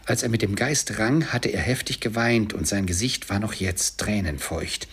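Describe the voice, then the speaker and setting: A man's voice: fairly low pitch, normal speed, a bit bright, slightly rough. A man reading an audiobook story dramatically, sometimes dropping to a whisper. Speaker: audiobook narrator. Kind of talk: expressive storybook narration.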